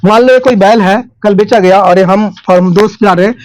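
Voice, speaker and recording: A very high-pitched man with a Hindi accent, explaining English grammar the way a teacher does. He keeps asking rhetorical questions and answering them, and he draws out his example sentences. The sound is close and dry, with no room echo. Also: fairly quick. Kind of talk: classroom-style grammar lesson.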